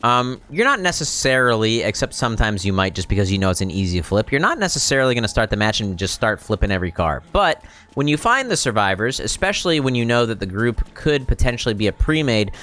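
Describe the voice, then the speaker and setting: Speaking quickly with few pauses, this thirtysomething streamer has a mid-range, sharp-toned voice that swings widely in pitch. He hosts game tutorials, giving laid-back tips and commentary into a close boom-arm mic that also picks up clear background noise.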